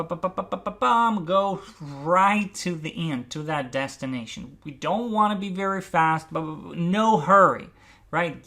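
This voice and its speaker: A speech coach giving an articulation lesson, demonstrating drills with deliberate, stretched and stressed words. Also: medium pitch, vocal fry, a bit bright.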